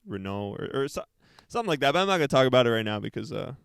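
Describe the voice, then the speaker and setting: A man's voice: mid-range voice, sing-song, very fast, gravelly, fairly bright tone, clear, resonant tone, no room sound. Young male podcast co-host, easygoing chatter, laughs a lot, dry close mic. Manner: chatty, laughs often, trails off mid-sentence. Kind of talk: casual chat.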